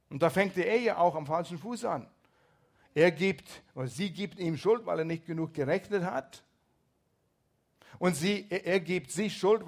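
A man preaching a sermon with a few slips, swinging between loud emphatic exhortation and hushed, near-whispered asides. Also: fairly high pitch. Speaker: pastor.

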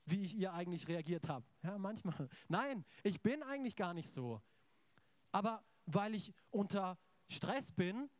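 Man, preacher, high voice, dry close sound, chatty sermon, checks in with the congregation. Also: no echo. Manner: keeps asking the congregation for agreement; casual, conversational storytelling of scripture.

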